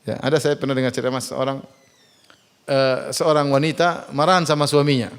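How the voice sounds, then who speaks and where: A man's voice: a little fast, clear, resonant tone. A man with an Indonesian accent preaching a sermon in a mosque, questioning the congregation and mixing jokes with teaching. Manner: animated, rising for emphasis and dropping low for asides, asks the audience questions.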